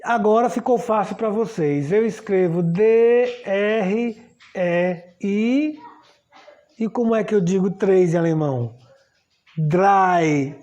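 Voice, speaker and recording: Patiently teaching a language lesson at a board, a woman with a Brazilian Portuguese accent spells out letters and checks that students follow. Her voice is mid-range and warm, captured in lo-fi sound.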